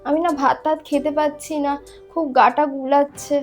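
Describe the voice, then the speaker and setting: A woman playing an exhausted young daughter-in-law in a comedy sketch, soft and pleading. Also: sits high, steady tone, moderate pace, faint music behind, close to an everyday voice.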